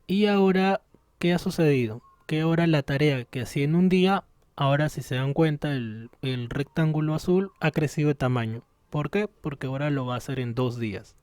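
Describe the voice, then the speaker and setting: Recording an online class from a home room near the street, a man explains patiently and thinks aloud as he works through software. He speaks a little fast in a slightly high voice, and the recording is dry.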